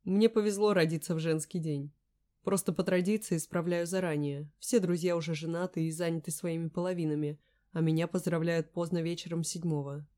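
A woman's voice: on the low side, fairly even intonation, fairly quick, mellow, lightly acted. A woman reading a teasing, amused young man. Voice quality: velvety. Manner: teasing, easygoing. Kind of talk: audiobook character voice.

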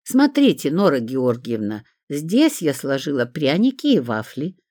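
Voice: medium pitch, huge pitch swings, a little slow, mellow, no echo. A reader voicing a fussy, caring older woman who frets over others. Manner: fussy, anxious.

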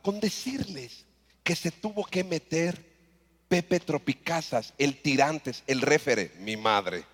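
A man with a Mexican accent telling a comic story on stage as a motivational speaker, animated and acting out the voices. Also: on the high side, slow. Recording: long reverb in a hall.

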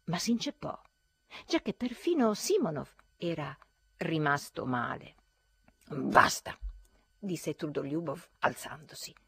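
A woman reading a classic novel aloud in an expressive, dramatic way. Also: deep voice, measured pace, slightly rough, no room sound. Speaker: audiobook reader. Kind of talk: literary audiobook reading.

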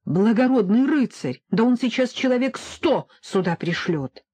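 A woman's voice: fairly high pitch, animated, measured pace, warm tone, husky, no echo, pitched above the performer's own voice. A woman voicing an anxious, tender young woman artist in an audiobook. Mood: worried.

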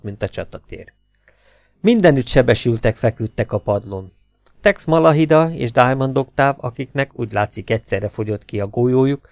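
A man reads a pulp adventure novel aloud in a measured, even manner, at a mid-range pitch. The close mic gives a dry sound with no room around it. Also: creaky, no room sound. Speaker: audiobook narrator. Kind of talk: scripted narration of a pulp novel.

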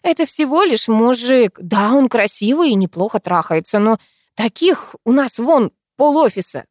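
Female narrator playing a sardonic young friend, bright lively pitch, dry sound. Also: normal speed, dry recording. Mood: bossy. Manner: teasing, blunt, sardonic. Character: blunt teasing young woman friend.

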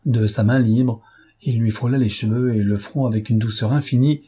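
A man narrating a novel as an audiobook in a measured, expressive way. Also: mid-range voice, husky. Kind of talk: novel reading.

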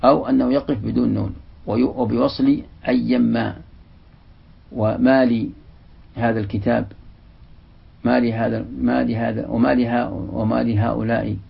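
A man giving a religious lesson, reading a passage from a classical text and then explaining it slowly, repeating the example words. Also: mid-range voice, flat delivery, creaky, husky. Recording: dull, lo-fi lecture recording.

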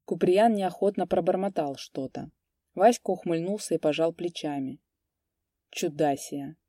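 A woman narrating a literary story in a steady, even storytelling manner. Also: fairly low pitch, normal speed, no room sound, clean studio sound. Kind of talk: audiobook narration.

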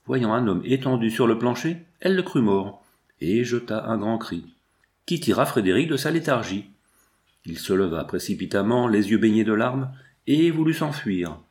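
A man reading a classic novel aloud in a measured, formal narration. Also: fairly low pitch, animated, a little mellow. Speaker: audiobook reader.

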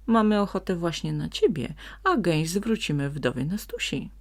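Woman voicing a calm, firm storybook donkey. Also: fairly low pitch, moderate pace, pitched above the performer's own voice. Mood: stern. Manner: steady and firm, feigning menace. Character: calm, wily male donkey.

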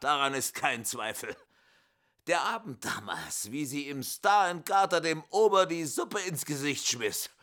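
Blustering foul-mouthed editor, bright tone, lively pitch, radio drama. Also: male voice. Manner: blustering, crude. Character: coarse gruff male newspaper editor, blustering. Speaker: chief editor.

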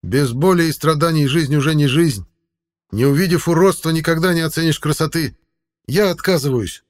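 A man reading an audiobook voices a young Viking captive in a high, tense voice. He sounds strained and defiant under pressure. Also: moderate pace, lightly acted. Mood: resolute.

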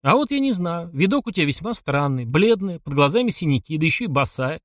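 A man's voice: fairly high pitch, big pitch swings, a little fast, fairly bright tone, no echo, clean studio sound, voice pushed up. A man reading an audiobook and voicing a sly, chatty driver in his thirties who teases and questions. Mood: suspicious, teasing. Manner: chatty, teasing, probing.

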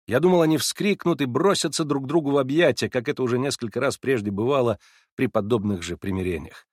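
A man narrating a literary audiobook in a measured, expressive way. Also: mid-range voice, no echo, studio quality.

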